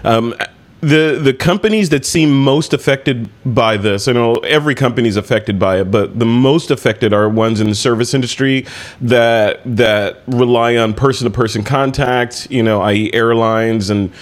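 A man hosting an interview, asking questions in a relaxed, chatty way. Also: medium pitch, moderate pace. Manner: relaxed, chatty, laughing easily. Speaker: interview host. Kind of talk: casual interview.

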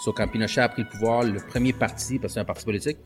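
A man's voice: fairly low pitch, steady tone, rapid-fire, over music. A man with a Quebec French accent telling his story in a casual conversation, slipping English slang into his French. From Canada. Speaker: guest.

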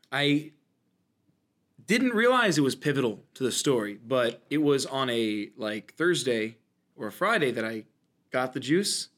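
A man co-hosting a podcast in casual comedic chat, telling stories in an animated, joking way and mimicking inner thoughts. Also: mid-range voice. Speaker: podcast co-host. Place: indoors, in a church.

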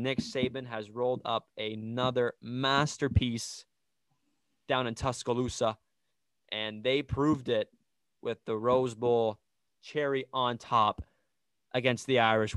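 A man hosts casual sports talk with a crisp, resonant voice. His pitch sits in the middle for a man. The sound is close and dry, with no room on it. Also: fairly even intonation, unhurried, a bit bright, dry recording. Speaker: sports podcast host. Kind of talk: casual sports commentary chat.

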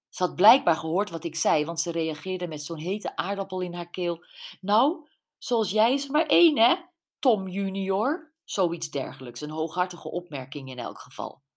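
Woman reader as brash gossiping canteen lady, husky and lowish, blunt delivery. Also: exaggerated voice. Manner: blunt, chatty.

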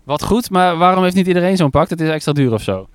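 A curious man chats his way through an outdoor report, tripping over words as he asks questions. His voice is smooth and resonant, and it sounds dry and close to the mic. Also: high voice, lively intonation, quick pace, no room sound. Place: lakeside jetty outdoors in rain.

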